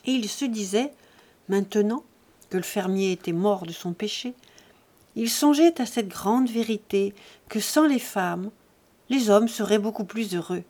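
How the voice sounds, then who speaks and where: A woman narrating a classic novel as an audiobook, in an even, measured storytelling voice. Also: mid-range voice.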